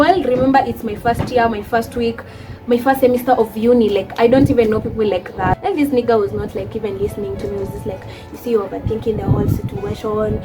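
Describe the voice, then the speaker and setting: A young woman with a Kenyan accent telling a personal story on her vlog, emotional and switching into Swahili. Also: fairly high pitch. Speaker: vlogger.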